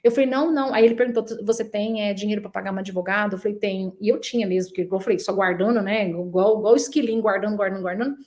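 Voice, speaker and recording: A middle-aged woman from Brazil, a guest in a casual interview, telling a story in an animated way and acting out the dialogue. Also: medium pitch, very fast, few pauses. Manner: animated, acts out quoted dialogue.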